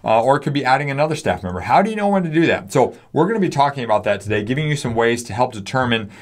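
A man's voice: mid-range voice, sing-song, racing. A man in his forties, a pastor co-hosting a podcast, explaining things earnestly in a small studio. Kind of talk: casual podcast discussion. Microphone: studio mic on stand.

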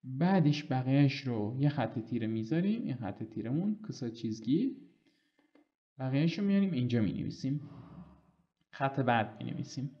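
A man teaching an online language lesson, explaining patiently and reading example sentences slowly and clearly. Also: mid-range voice, expressive, muffled recording.

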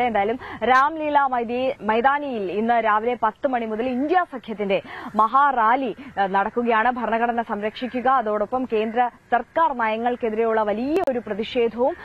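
High-voiced young woman anchoring news. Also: highs cut off. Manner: prompting questions, tag-question endings.

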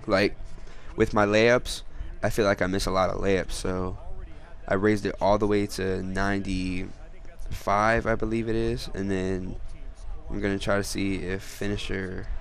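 A man's voice: sits low, little pitch movement, unhurried, vocal fry. A teenage boy chatting casually over his basketball video game, hyped and talking straight to viewers. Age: teens. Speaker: gamer. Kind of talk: casual gameplay commentary.

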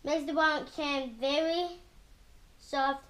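A woman's voice: high voice, steady tone, slow, a bit bright. A woman hosting a children's book read-aloud, reading carefully and imitating the sounds in the story. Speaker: host reading a picture book.

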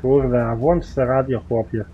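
A man's voice: medium pitch, measured pace, muffled recording, a little hiss or hum. A man giving rambling, casual commentary while playing a farming game, full of mild swearing fillers. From Poland. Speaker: gaming YouTuber.

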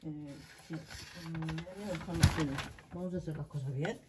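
A woman's voice: low voice, brisk, very noisy. A woman with a Spanish accent, chatting animatedly to her followers while unboxing a gift at home, laughing often. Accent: Spain. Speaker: craft vlogger. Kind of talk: casual chat unboxing a gift. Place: at home in her craft room. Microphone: laptop mic.

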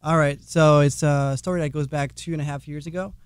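A man's voice: a little high, fairly even intonation, fairly quick, smooth, dry recording, clean studio sound. A man in his twenties from France, speaking English with a French accent as a guest telling his story. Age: 20s. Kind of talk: casual interview chat.

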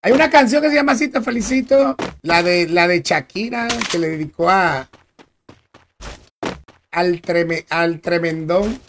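Male gaming streamer, high voice, slangy and casual, shout-outs to viewers, noisy recording. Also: lively intonation, measured pace. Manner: chatty, greets viewers by name, slangy. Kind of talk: casual live-stream chat while gaming. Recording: clear background noise with clicks.

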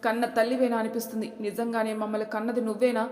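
A woman's voice: fairly high pitch, flat delivery, fast, dark tone, close to an everyday voice. A woman voicing a pregnant young daughter who pleads and reproaches her mother, in an echoey room. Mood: reproachful. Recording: echoey room, long reverb.

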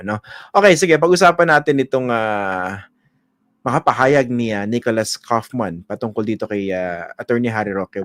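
A man's voice: medium pitch, dry recording, studio quality. A man hosting a live news interview, polite and respectful, with frequent "uh" fillers. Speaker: host.

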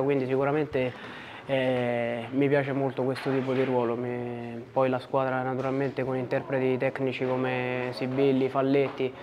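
A young male defender giving a post-match press interview, measured and hesitant, with frequent fillers and restarts. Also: medium pitch, background noise. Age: young adult. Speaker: footballer, defender. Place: indoor press area at a stadium. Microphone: several broadcaster handheld mics at close range.

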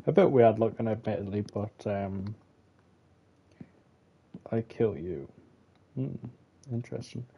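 Dark husky-voiced man commenting gameplay. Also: fairly low pitch, a little slow, pauses often, dull audio. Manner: rambling, filler-heavy, wry. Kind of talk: casual let's-play commentary.

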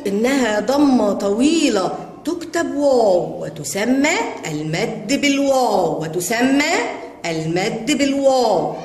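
A woman's voice: a little high, lively intonation, darkish tone. Egyptian woman teaching a kids' reading lesson. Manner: stretches long vowels slowly when sounding out words. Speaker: kindergarten Arabic teacher. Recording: echoey room with long reverb.

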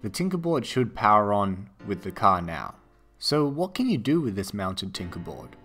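Man, Australian accent, lowish voice, steady tutorial voice-over, faint music behind. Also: normal speed. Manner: steady, explanatory. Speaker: tech video narrator. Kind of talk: scripted voice-over narration.

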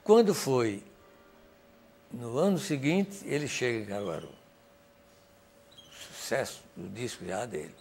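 An older songwriter with a Northeastern Brazilian accent gives an animated storytelling testimony, acting out dialogue and singing snippets along the way. His medium-pitched voice moves at a measured pace with frequent pauses, over a slight hiss or hum.

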